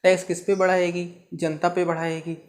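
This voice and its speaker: A teacher delivers an exam-prep history lecture in a medium-pitched voice at normal speed with little pitch movement. He poses rhetorical questions and answers them right away, explains terms through everyday comparisons, and keeps checking in with "ठीक है".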